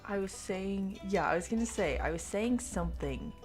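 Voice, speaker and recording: A gaming streamer with a light Oklahoman accent talks casually with her chat, rambling, poking fun at herself, and giggling. Her mid-range voice is a little mellow and moves at a moderate pace, with soft background music behind it.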